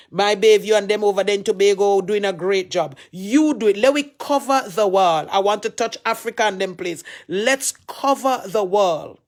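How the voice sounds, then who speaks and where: A woman pastor with a Jamaican accent, talking to her followers on a livestream, affectionate and pleading, repeating her phrases. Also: medium pitch.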